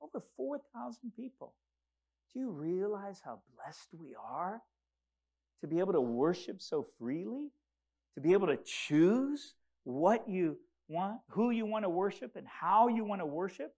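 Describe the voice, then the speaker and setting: A man's voice: sits high, very animated, unhurried, mellow. A man who grew up in Congo preaching a sermon, earnest and rising to urgent emphasis. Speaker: pastor.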